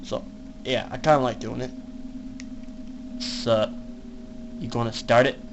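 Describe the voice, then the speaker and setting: A young man casually commenting on a game he is playing, laughing a lot and shouting in panic when scared. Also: mid-range voice, steady tone, unhurried, creaky, background noise. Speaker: gamer.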